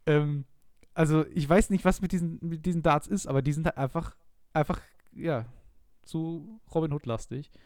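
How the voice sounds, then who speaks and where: A man's voice: fairly high pitch, moderate pace, a little mellow, dry recording, clean studio sound. A man co-hosting a casual podcast, telling a story in a chatty way with hesitant restarts. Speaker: podcast co-host. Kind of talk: casual chat about darts.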